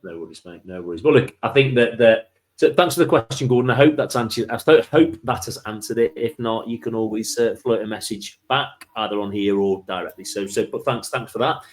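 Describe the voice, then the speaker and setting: A man's voice: lowish voice, a little fast. A man hosting a casual business discussion, repeating words and phrases as he thinks aloud. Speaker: host.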